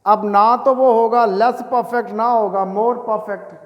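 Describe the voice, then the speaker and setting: A man teaching English grammar, dictating example sentences slowly and deliberately, then asking questions and answering them himself. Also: high-pitched, fairly even intonation, highs cut off. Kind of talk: grammar lesson. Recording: echoey room with long reverb.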